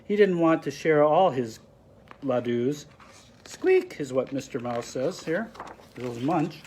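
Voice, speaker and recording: A man's voice: mid-range voice, a little slow, a little mellow, slightly rough. A man reading a picture book aloud to children, explaining the pictures with friendly asides. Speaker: storybook reader.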